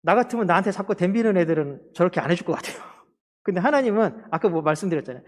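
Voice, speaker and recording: A man's voice: sits high, expressive, rapid-fire. A male pastor preaching a sermon in a conversational way, leading the congregation in reading. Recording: long church hall reverb.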